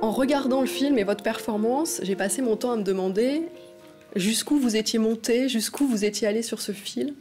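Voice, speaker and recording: A woman's voice: on the high side, normal speed, mellow, faint music behind. A woman interviewer asking conversational questions of her guest.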